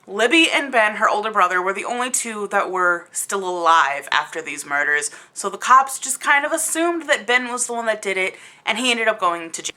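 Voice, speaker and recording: Speaking in a bright, forceful, mid-range voice, a female book reviewer on her video channel delivers a conversational, opinionated take to camera. She's blunt and exasperated, stressing words for emphasis.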